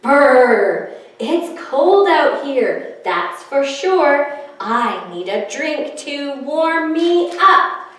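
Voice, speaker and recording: Woman voicing a shivery, high-pitched cheerful snowman, echoey room. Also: very animated, fairly bright tone, distant mic, exaggerated voice. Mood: shivering, complaining. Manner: exclamatory, drawn-out shivery words. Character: shivering, sneezy, cheerful snowman who keeps melting. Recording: roomy, echoey, away from mic.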